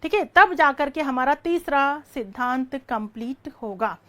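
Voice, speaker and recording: A woman teaching an online exam-prep lecture, firing quick questions, repeating each answer and calling her students "beta". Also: high-pitched, expressive, sharp tone.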